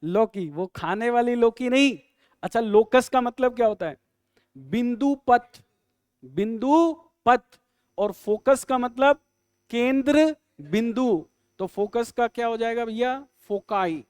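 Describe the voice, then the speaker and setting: A man teaching English in a live online exam-prep lesson, quizzing students with quick questions and jokes. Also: very high-pitched, darkish tone, smooth, no echo, studio quality.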